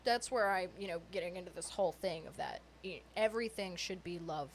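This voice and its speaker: A woman's voice: on the low side, brisk, a loud crowd. Reflective woman in casual conversation. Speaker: podcast participant. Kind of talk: casual personal podcast conversation.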